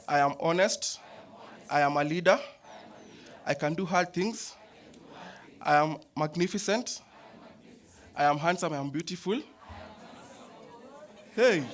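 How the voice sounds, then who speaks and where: A man with a slightly raised voice calls out one affirmation after another. His delivery is forceful and declamatory. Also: on the high side. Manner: declamatory, energetic. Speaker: graduating student speaker. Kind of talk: leading spoken affirmations, then a pledge.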